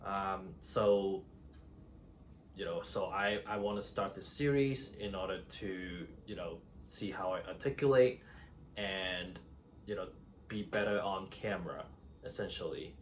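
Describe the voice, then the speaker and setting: A man's voice: low voice, a little slow, slight background noise. A man in his thirties from Hong Kong, introducing himself to camera in a casual, hesitant way with many fillers and restarts. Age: 30s. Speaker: vlogger.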